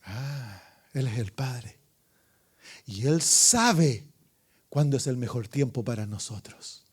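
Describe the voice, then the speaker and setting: A slightly rough, medium-pitched male voice preaches slowly but with animation, serving as pastor in an evangelistic sermon. Dramatic shifts run from loud calls to hushed asides, and he asks the congregation questions and calls for amens.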